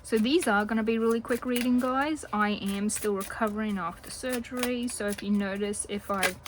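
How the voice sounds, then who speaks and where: A woman's voice: medium pitch, noisy background. Chatty, rambling woman tarot reader. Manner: chatty and rambling, talks a lot; drifts into soft whispers at times. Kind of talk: casual general tarot reading to viewers.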